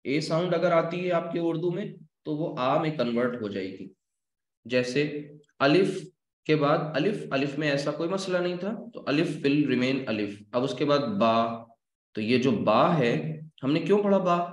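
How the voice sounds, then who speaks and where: A man teaching an Arabic language class, explaining slowly and asking his students questions. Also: fairly high pitch, expressive. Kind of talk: classroom lecture. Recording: echoey room.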